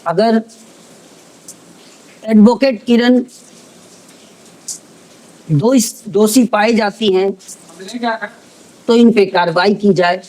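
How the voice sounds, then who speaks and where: A man working as a news reporter, interviewing and then closing with measured rhetorical questions. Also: high-pitched, darkish tone, low-quality recording.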